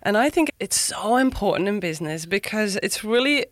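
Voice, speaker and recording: An enthusiastic woman in her thirties from Belgium, chatting as a podcast guest in a middle pitch. She laughs easily, tags her sentences with "right?", and sounds close and dry, with no room around her voice. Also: animated, moderate pace, dry recording. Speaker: podcast guest, business founder. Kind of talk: casual interview chat.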